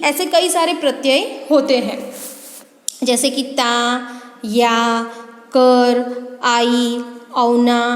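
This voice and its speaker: A woman teaching a grammar lesson, explaining slowly and repeating each word as she goes. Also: sits high. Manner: slow, drawn-out explanation with repeated words. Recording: echoey room with long reverb.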